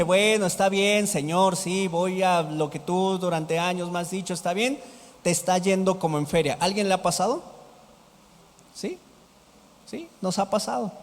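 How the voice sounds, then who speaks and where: A man preaching a sermon as pastor, asking the congregation rhetorical questions. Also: high voice. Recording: hall reverb.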